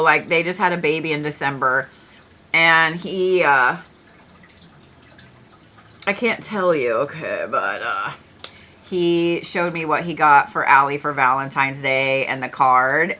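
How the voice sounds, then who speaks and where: Bright-voiced chatty woman host. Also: low-pitched, a little slow. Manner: chatty, joking, swears casually, talks to viewers. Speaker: astrology livestream host. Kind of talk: casual livestream chat.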